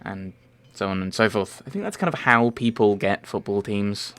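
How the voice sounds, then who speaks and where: With faint game music in the background, a young Merseyside man rambles casually through viewer questions, often saying um and correcting himself. His pitch is fairly low and his delivery expressive, at a normal speed with a slightly bright tone.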